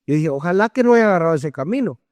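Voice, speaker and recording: A man, a pastor speaking calmly and reflectively in a conversational testimony, with short preaching asides. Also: on the high side, fast talker, no room sound.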